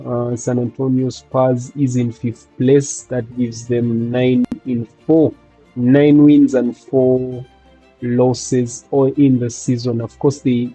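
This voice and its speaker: A man hosting a fantasy basketball video, recapping games and stats in a halting casual way with many fillers. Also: mid-range voice, little pitch movement, warm tone, slightly rough, no echo, faint music behind, poor audio. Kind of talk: casual recap over game highlights.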